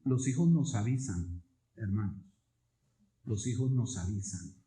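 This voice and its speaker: A man preaching a sermon as pastor, swinging from loud emphatic peaks to hushed low asides. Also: animated, a little slow. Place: church sanctuary. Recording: echoey church hall.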